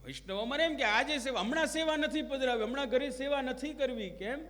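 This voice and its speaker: A man's voice: extremely high pitch, fairly quick, fairly bright tone. A man giving a devotional discourse, telling stories and acting out quoted prayers and dialogue. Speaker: religious preacher. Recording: long hall reverb.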